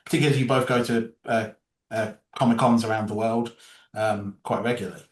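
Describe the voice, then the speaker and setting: A man's voice: on the low side, fairly even intonation, brisk, distant mic. A man hosting an interview, asking friendly questions with many fillers. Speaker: interview host. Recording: roomy sound from off-mic.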